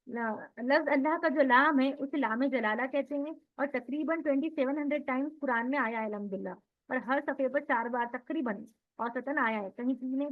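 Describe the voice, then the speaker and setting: A woman teaching a tajweed lesson, explaining step by step and reciting Arabic example words slowly. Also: sits high. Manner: explains step by step, often checks with "theek hai". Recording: tinny phone-line sound.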